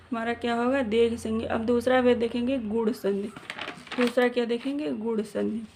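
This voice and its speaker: A woman teaching a grammar lesson, repeating each point and quizzing with questions that she answers herself. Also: fairly high pitch. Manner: slow and repetitive, quizzing with questions and answering them; clears throat now and then. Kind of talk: classroom lesson.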